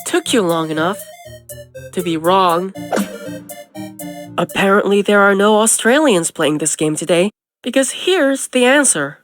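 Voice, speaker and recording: A woman's voice: medium pitch, lively intonation, unhurried, pauses often, close to an everyday voice. A woman voicing a sarcastic, easily exasperated young trivia host in a video game, delivering questions with a teasing edge. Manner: snarky, teasing quiz-show delivery. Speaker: quiz host. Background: game music.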